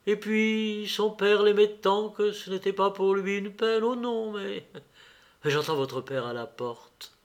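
A man reading an audiobook, voicing the worried, gentle mother of a poor family in a soft, tender manner. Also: sits high, slow pace, voice pushed up. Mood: bravely cheerful. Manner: soft, tender, steadying herself.

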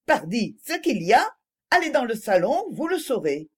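A gruff male household servant in a storybook reading, voiced by a woman narrator. He grumbles bluntly and impatiently, his lively voice rising and falling. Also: on the high side, moderate pace. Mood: grumbling.

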